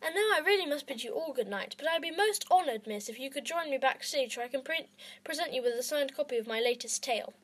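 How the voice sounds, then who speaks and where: A woman's voice: sits high, lively intonation, fast. A woman voicing a frightened, evasive male author in a storybook reading, who stammers and blusters. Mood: relieved.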